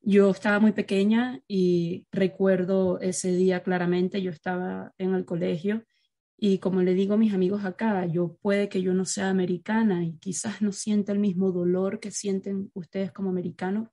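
A woman from Venezuela interviewing a guest in an emphatic, warm way. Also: medium pitch, level tone, normal speed. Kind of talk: conversational interview.

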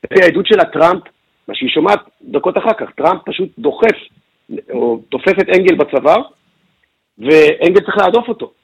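Husky man briefing on the radio. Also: sits high, lively intonation, low-quality recording. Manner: detailed explanatory recounting with filler sounds. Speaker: news correspondent.

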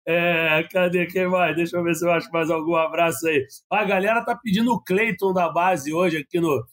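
A man's voice: high voice, fairly bright tone. Chatty man with a cough. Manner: chatty, rambling, many restarts. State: coughing, dry mouth. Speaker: sports reporter. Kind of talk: casual podcast chat.

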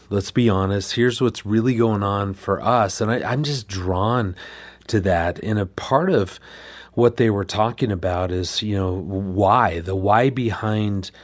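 Man co-host, low-ish voice, earnest, dry close mic. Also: dry recording. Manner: earnest, enthusiastic interviewer. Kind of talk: casual podcast conversation.

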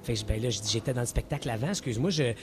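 Animated Quebec French man telling stories. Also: medium pitch, racing, slight background noise. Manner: animated storyteller, laughs often. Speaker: radio co-host. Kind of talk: casual radio banter.

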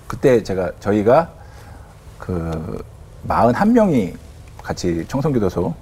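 A man's voice: lowish voice, very animated, slow, darkish tone, breathy edge. A man working as a prison officer, telling stories as a guest in an interview and acting out the quotes. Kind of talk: storytelling in a talk show interview.

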